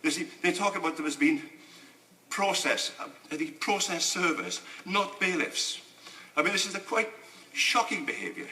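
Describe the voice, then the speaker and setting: A man giving an indignant, emphatic parliamentary speech in a debating chamber, with halting restarts. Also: high-pitched, expressive, sharp tone, slight background noise. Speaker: member of parliament. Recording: echoey chamber.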